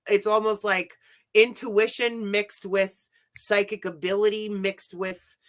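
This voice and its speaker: A woman in her forties, a ghost hunter guest, telling lively stories in casual chat, laughing often and saying "like" a lot. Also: medium pitch, slow pace. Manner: animated storyteller, laughs often, says like a lot.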